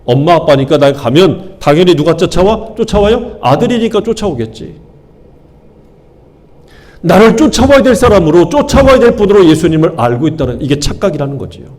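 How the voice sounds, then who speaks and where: A male pastor delivering a sermon in a fairly high voice for a man. He keeps asking the congregation questions and answering them himself, and he repeats key words for emphasis. His delivery rises and falls between pointed appeals and quieter, settled statements. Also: sing-song, a little fast. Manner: call-and-response questions to the congregation, emphatic repetition.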